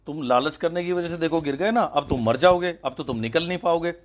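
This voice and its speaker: A man's voice: a little high, fairly quick, voice pushed up, close to an everyday voice. A man voicing a crowd of frogs that taunt and lecture a trapped frog. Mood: lecturing. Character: crowd of gossiping male frogs, discouraging and preachy.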